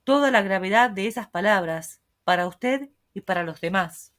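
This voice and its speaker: A woman's voice: mid-range voice, lively intonation, normal speed, lightly acted. Woman reading a stern judge guy, grave, kinda threatening. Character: stern older male court president. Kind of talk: audiobook reading.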